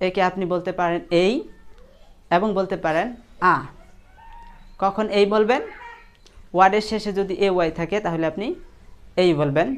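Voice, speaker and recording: A woman's voice: mid-range voice, clear, resonant tone. A woman teaching English pronunciation in Bengali, repeating each example word several times and asking questions she answers herself. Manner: asks the class questions and answers them herself. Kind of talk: spoken English lesson in Bengali.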